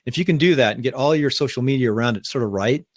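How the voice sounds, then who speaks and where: A man hosting a live online talk show, chatting casually in a rambling, upbeat way and pitching his ideas to guests. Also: fast, no echo, clean studio sound. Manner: rambling, upbeat, self-promoting. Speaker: podcast host. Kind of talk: casual live-stream chat.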